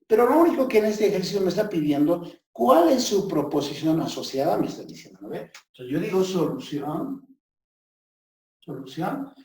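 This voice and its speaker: A man teaching a math class, working through each step and often asking his students whether they follow. His voice is fairly high and mellow, with lively rises and falls. He sounds distant, as if heard from across a very echoey classroom. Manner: explains step by step, constantly checking with tag questions. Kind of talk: classroom lecture at a board. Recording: very echoey room, voice from far off the mic.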